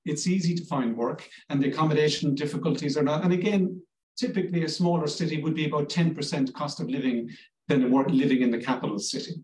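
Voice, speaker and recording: A man's voice: on the high side, fast talker, a little mellow, roomy sound, far from the mic, low-quality recording. A man from Cork with an Irish accent, a language school director chatting reassuringly in an interview with many restarts. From Ireland, Cork. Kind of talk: promotional interview answers.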